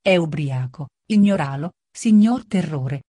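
A woman's voice: low-pitched, animated, measured pace, warm tone, no room sound. A woman reading the part of a nervous young woman traveler in a plain voice.

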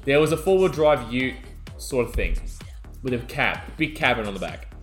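A man co-hosting a podcast, telling a rowdy story in casual chat and swearing as he acts out the shouting. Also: mid-range voice, normal speed, soft background music. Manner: animated, swearing, acts out shouting in his stories. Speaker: podcast co-host.

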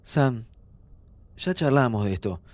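A man's voice: medium pitch, big pitch swings, takes it slowly, a little mellow, dry recording. An actor playing an ill young man with a Rioplatense Spanish accent who jokes and reassures his friend. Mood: reassuring. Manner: playful, soothing, tired. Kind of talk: audio drama acting.

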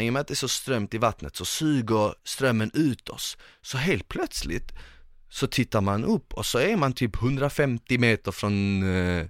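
A man's voice: medium pitch, dry recording, studio quality. A man telling a long story in casual conversation, rambling with lots of fillers. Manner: lively, rambling, with many fillers.

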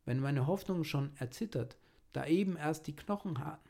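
A man's voice: on the high side, normal speed, gravelly, darkish tone. A man reading an old sermon aloud in German, earnest and pleading as he exhorts his listeners.

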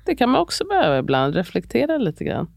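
A woman's voice: a little high, wildly swooping pitch, gravelly, dry recording, studio quality. A woman co-hosting a podcast in casual chat, blunt and casually swearing while giving practical tips. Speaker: podcast co-host.

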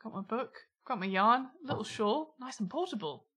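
A woman's voice: fairly high pitch, lively intonation, normal speed, pushed and bright, slightly rough. A woman co-hosting a podcast in casual chat, bubbly and giggly. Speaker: podcast co-host.

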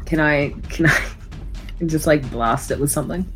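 A woman's voice: sits low, measured pace, a bit bright, soft background music. A woman casually playing a tabletop game, making jokes. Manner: joking, laughing. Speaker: player.

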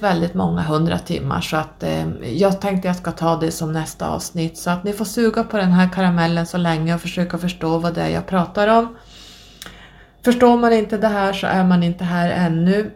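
A woman's voice: fairly low pitch, steady tone, gravelly, a little mellow. A woman hosting a podcast, talking alone in a rambling, casual way with many hesitations and restarts. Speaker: podcast host.

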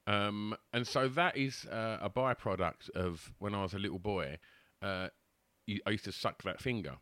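A man's voice: lowish voice, moderate pace, fairly bright tone, no echo. A man chatting casually as a podcast co-host, rambling and hesitant in a jokey way.

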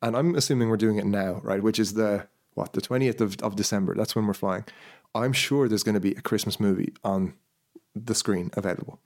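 Fast-talking man telling a long story. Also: on the low side, a little mellow. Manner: rambling storytelling, many restarts. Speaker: podcast co-host. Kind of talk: casual chat.

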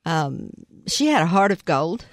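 Gentle low-voiced woman host. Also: very animated, unhurried, no room sound, studio quality. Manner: gentle, affirming interviewer. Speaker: podcast host. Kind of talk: casual interview chat.

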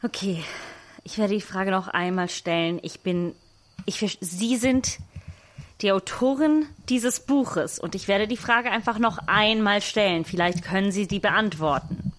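A woman voicing a formal, impatient female university examiner in an improvised comic role-play, asking questions slowly and deliberately. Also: mid-range voice, pitched below the performer's own voice, lightly acted. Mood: stern.

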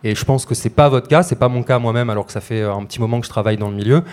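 A man's voice: medium pitch, dark tone. A man, a crowdfunding coach, giving a conversational explanatory talk with frequent hesitations.

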